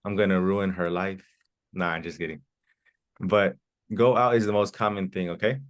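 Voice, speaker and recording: A man with a very low, deep voice leads an English class from the United States. He is encouraging and echoes his students' answers back to them. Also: steady tone, moderate pace. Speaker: English teacher. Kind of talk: online class Q&A.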